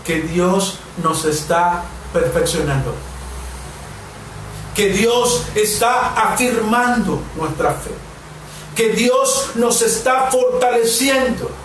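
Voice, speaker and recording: Slow, earnest pastor in an echoey hall. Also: male voice, high voice, lively intonation, fairly bright tone. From Mexico. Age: 40s. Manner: earnest preaching with slow, emphatic repetitions. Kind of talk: sermon and prayer. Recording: very echoey room, distant mic, faint hiss.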